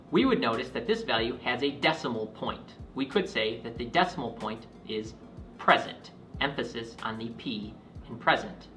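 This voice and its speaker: A man hosting and narrating a scripted chemistry lesson, explaining step by step in a clear, measured way. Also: medium pitch, pushed and bright, a little hiss or hum, low-quality recording. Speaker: chemistry teacher, host.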